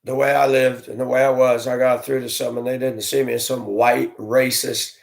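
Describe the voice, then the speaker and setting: A former school bus driver tells his own story candidly, heartfelt and earnest while he vents his frustrations. His voice is gravelly and medium-pitched, level in tone, at a moderate pace.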